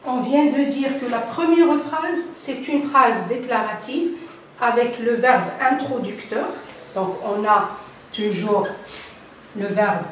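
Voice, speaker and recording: An older woman, a French teacher, giving a slow grammar lesson and repeating key terms deliberately. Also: fairly high pitch, slight background noise. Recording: echoey room, voice from a distance.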